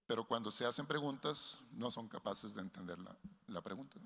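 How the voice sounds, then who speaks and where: A man giving a workshop lecture to researchers in a measured way, often restarting phrases and linking ideas with "entonces". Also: medium pitch, a bit bright. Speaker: workshop instructor. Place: conference hall. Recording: long hall reverb.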